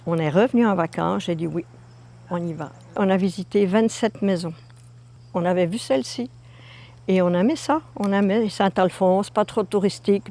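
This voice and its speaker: Older woman telling her story. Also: mid-range voice. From Belgium. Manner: lively storytelling, repeating herself for emphasis. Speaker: interviewee. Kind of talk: documentary testimony.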